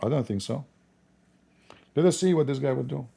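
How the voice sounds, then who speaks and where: A man with an Arabic accent, a native Arabic speaker, giving blunt, informal political commentary in halting, repetitive non-native English. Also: mid-range voice, animated, creaky, dark tone, breathy edge. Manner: blunt, opinionated.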